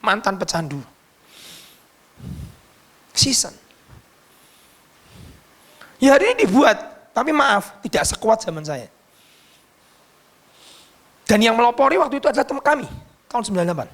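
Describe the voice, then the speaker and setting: A man preaching a sermon as pastor, telling stories in an animated, emphatic way. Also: very high-pitched, moderate pace, pauses often.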